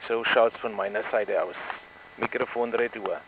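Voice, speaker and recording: A man's voice: fairly low pitch, steady tone, normal speed. A man giving a terse, casual amateur radio report over walkie-talkie from a car. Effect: two-way radio, walkie-talkie. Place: inside a car. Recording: noisy, tinny mobile radio link.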